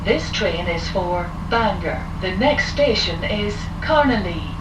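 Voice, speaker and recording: Woman, chime then announcement, formal train loudspeaker voice, distant, echoey carriage. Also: medium pitch, expressive, heavy background noise. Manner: measured, formal, evenly paced. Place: inside a moving train carriage.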